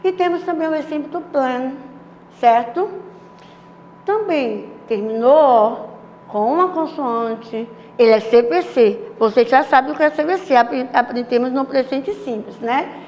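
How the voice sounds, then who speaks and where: High-voiced woman teacher, echoey room. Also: lively intonation, unhurried, darkish tone. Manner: patient, explanatory, checks in with frequent tag questions; affectionate toward students. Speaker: English teacher. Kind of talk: recorded online class lesson. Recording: echoey room with faint background noise.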